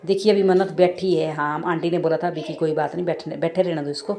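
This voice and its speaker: A woman's voice: low-pitched, fairly even intonation, fast talker, mellow. A woman in her thirties chatting casually through a family vlog, recounting what she and her children said on an outing. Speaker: vlogger. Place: outdoor play area with rides.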